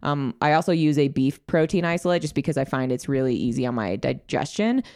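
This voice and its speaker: A woman's voice: extremely low pitch, lively intonation, fairly quick, darkish tone. A young woman co-hosting a fitness podcast, chatting casually with lots of fillers. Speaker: podcast co-host, fitness coach. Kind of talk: casual chat.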